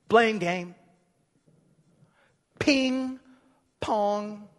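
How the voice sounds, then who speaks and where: A man with a high voice preaching a sermon in a big hall whose long reverb trails after every line. He drives home his points with repeated rhetorical questions, rising loud, then dropping low and quiet. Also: drawn-out words. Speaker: pastor.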